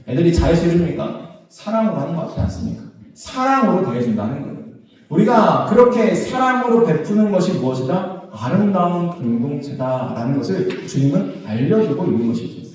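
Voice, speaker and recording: A man's voice: a little high, expressive, fairly quick, a little mellow, slight background noise. A man, a pastor, preaching a sermon and asking his congregation questions, then answering them himself. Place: church sanctuary. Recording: echoey church hall, voice from a distance.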